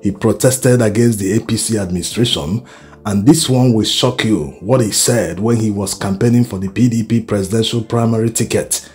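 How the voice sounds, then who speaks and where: A man's voice: lowish voice, moderate pace, darkish tone. A man with a Nigerian accent delivering opinionated political commentary, emphatic and exhorting, often posing rhetorical questions. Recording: music behind the voice. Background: background music.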